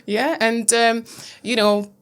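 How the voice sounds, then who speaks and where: In an interview, a pageant titleholder in her thirties from Lithuania answers in English, her second language, with a Lithuanian accent. She hesitates a lot, uses many fillers and non-native grammar, and speaks slowly in a level, fairly high voice that sounds clear and resonant.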